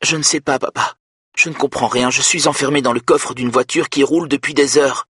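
A man's voice: medium pitch, steady tone, a little fast, a bit bright, breathy edge, dry recording, clean studio sound, voice pushed up. A man voicing a frightened young boy trapped in a car trunk, pleading in a small, weak voice for an audiobook. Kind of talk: audiobook character voice.

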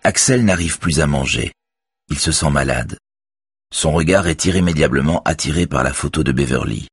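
Very deep, husky male narrator. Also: moderate pace, no echo, soft background music. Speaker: audiobook narrator. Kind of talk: scripted narration.

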